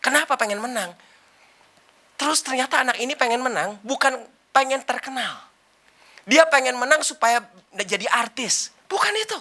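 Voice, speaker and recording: A woman's voice: sits high, animated, moderate pace, bright, forceful tone. A woman preaching a sermon and telling a personal testimony, acting out the people in her story. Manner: addresses listeners as brothers and sisters.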